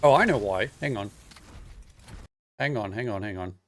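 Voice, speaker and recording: A man's voice: lowish voice, expressive, normal speed, fairly bright tone. A man streaming live, chatting in an easygoing, rambling way to his viewers while he works on a coding project, with lots of "uh"s and "um"s. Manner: easygoing and rambling, greets chat viewers, many fillers. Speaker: live streamer, software developer. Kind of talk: casual live-stream chat. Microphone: single desk microphone.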